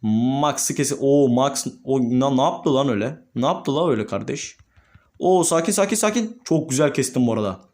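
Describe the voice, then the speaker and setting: A young man, a gaming YouTuber, commentating his own gameplay and swinging between calm murmurs and excited shouts. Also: mid-range voice, moderate pace.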